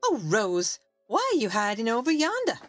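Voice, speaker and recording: A woman's voice: fairly high pitch, huge pitch swings, moderate pace, soft background music. A woman voicing a vain, haughty amateur diva who wants the spotlight. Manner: haughty, indignant. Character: vain diva Sissy, wants star billing.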